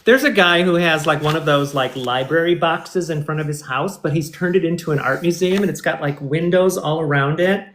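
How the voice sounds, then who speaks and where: A man's voice: a little high, a little fast, hardly any pauses, fairly bright tone. A man hosting a casual interview, easygoing and supportive, telling stories in a rambling way. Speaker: host. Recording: roomy echo.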